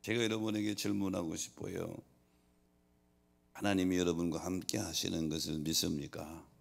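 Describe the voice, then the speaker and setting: A man preaching a sermon as pastor, swinging from loud emphatic scripture quotes to quiet, soft asides. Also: sits low, level tone, moderate pace, creaky.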